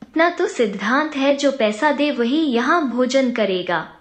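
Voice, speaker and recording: Storybook miser merchant, angry and scolding, read by a woman, unhurried. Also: high voice, animated. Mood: furious. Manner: scolding, furious. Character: miserly, hot-tempered rich merchant man.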